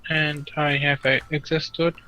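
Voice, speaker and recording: A man chatting while playing a game, hesitant and pausing on many fillers as he lists things. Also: a little high, level tone, bright, forceful tone, low-quality recording. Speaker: co-player. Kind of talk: casual chat while gaming.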